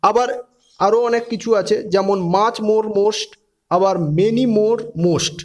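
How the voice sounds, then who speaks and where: High-voiced man teaching grammar methodically. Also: darkish tone. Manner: methodical, spells words letter by letter. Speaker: English grammar tutor. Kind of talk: explanatory grammar lesson.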